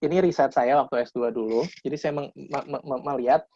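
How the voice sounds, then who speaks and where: Fast-talking man in his thirties on a video call. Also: mid-range voice, warm tone. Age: 30s. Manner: casual lecturing, frequent restarts. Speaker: guest speaker. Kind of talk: webinar talk. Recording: dull lo-fi video call audio.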